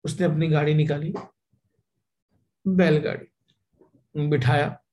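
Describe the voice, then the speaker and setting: A man giving a spiritual discourse on scripture, telling a parable. His pace shifts between brisk and slow, and he mixes English words into his speech. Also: on the high side, flat delivery, mellow, low-quality recording. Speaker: spiritual teacher.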